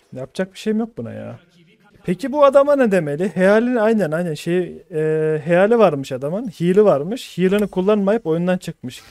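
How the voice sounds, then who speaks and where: A man's voice: a little high, a little mellow, no room sound. Exasperated ranting male game streamer. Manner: exasperated, ranting, swears freely; reads out teammates' chat messages. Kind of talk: live gaming commentary.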